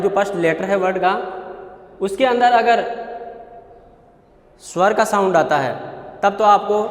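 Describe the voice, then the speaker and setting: A male teacher with a Hindi accent, patiently explaining a grammar lesson. He repeats points and stretches sounds out slowly. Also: sits high. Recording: echoey room with long reverb.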